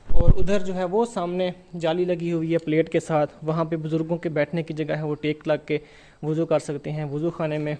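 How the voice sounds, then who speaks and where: A man's voice: on the high side, flat delivery, warm tone. A man from Pakistan giving a casual vlog walkthrough, rambling along with plenty of fillers and pious phrases. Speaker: vlogger.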